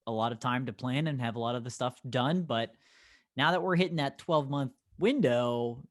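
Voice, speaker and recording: Enthusiastic American man, mid-pitched podcast voice. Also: normal speed. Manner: enthusiastic, emphatic. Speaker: podcast co-host. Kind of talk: casual podcast chat.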